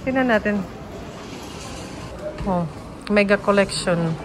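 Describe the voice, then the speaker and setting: A woman from the Philippines vlogging casually, quick and chatty, mixing in English words. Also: medium pitch. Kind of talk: casual vlog chat. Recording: phone audio with street noise.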